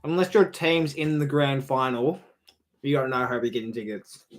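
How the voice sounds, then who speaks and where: A young Australian man calling a football match on a live stream, chatty and rambling, swearing freely and getting louder on goals. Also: mid-range voice, normal speed.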